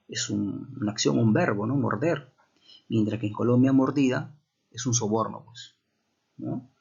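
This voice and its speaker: A man's voice: medium pitch, creaky, a little mellow, slightly rough, muffled recording. A man teaches a language class, explaining step by step and often checking in with rhetorical questions.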